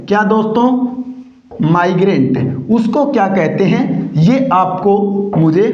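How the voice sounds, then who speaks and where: A man teaching English vocabulary for exams, asking a question and answering it himself, and stretching words out slowly to show how they are said. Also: sits high, darkish tone. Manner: repeats each word with question-and-answer drilling; drawls words slowly for pronunciation. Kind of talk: exam-prep vocabulary lesson. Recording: roomy, dull lo-fi sound.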